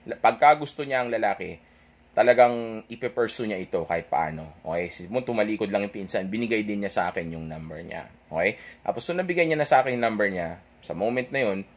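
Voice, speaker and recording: Rambling young man, lowish voice. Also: expressive, quick pace. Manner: keeps checking in with "okay?"; chatty, rambling, self-correcting. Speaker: dating advice storyteller. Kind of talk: casual storytelling to an audience.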